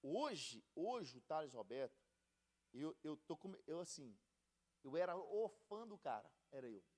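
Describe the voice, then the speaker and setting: A Brazilian man preaching in a loose, conversational way, dropping slang as he teaches a Bible study. His voice sits high for a man and swings widely up and down with animated emphasis. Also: measured pace. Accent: Brazilian Portuguese. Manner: slangy and conversational, animated, calls listeners buddy. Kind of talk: casual Bible study sermon.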